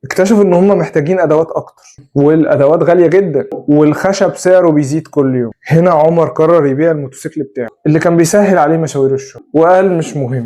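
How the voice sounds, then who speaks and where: A man's voice: on the high side, warm tone. A man with an Egyptian accent, the host, narrating a story in a vivid, dramatic way. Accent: Egyptian Arabic.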